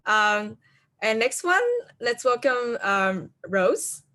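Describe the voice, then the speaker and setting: A woman moderates an online video call as a conference moderator, introducing speakers hesitantly with many fillers and unsure how to pronounce names. Her fairly high voice has lively intonation, sounds pushed and bright, and takes it slowly.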